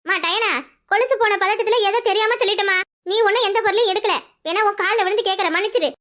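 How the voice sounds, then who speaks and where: Woman voicing a middle-aged mother-in-law, cartoon, placating, high bright voice, southern Tamil Nadu accent. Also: fairly even intonation, fast. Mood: apologetic. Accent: southern Tamil Nadu dialect. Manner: soothing, apologetic.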